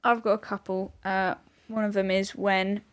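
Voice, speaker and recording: Female co-host, middle pitch, chatty and laughing, casual film talk. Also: flat delivery, moderate pace, smooth. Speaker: podcast co-host.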